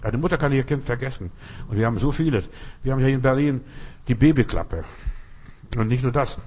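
Brief: male preacher, husky tone, lively sermon that speaks to the listener directly. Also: brisk. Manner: addresses listener directly, vivid everyday images, lively shifts in pitch and loudness. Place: Berlin.

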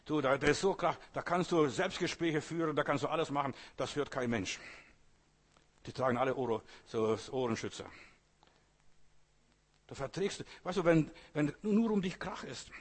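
A man's voice: on the high side, lively intonation, moderate pace. A man preaching a sermon, speaking earnestly in short repeated phrases and addressing the listener directly.

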